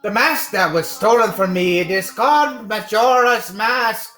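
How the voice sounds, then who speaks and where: A man's voice: high-pitched, unhurried, pushed and bright, roomy sound, soft background music. A man voicing an eerie, melodramatic mask salesman from a video game, reading the dialogue aloud. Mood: ominous. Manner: melodramatic, swinging from solemn to shrieking. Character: eerie, theatrical mask salesman, pleading and frantic.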